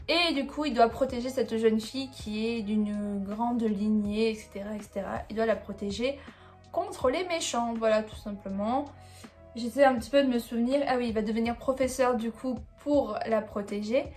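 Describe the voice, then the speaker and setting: Woman vlogger, fairly high voice, chatty and rambling, faint music behind. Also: moderate pace, darkish tone. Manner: chatty, rambling, fillers like bref and voilà. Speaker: manga reviewer. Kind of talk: casual chat about a manga haul.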